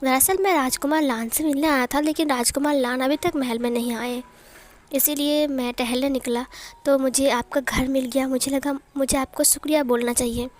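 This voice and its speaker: A woman's voice: sits high, steady tone, normal speed, natural voice. A woman voicing a polite, eager young princess who talks sweetly in a storybook retelling.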